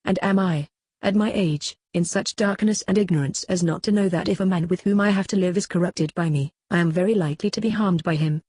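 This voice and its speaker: A reader voicing an aged philosopher on trial, cross-examining his accuser in a measured, questioning way in a dramatic reading. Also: mid-range voice, darkish tone, husky, no echo, natural voice. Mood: probing. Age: older. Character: aged male philosopher on trial, probing, ironic. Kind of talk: dramatic reading of a classical dialogue.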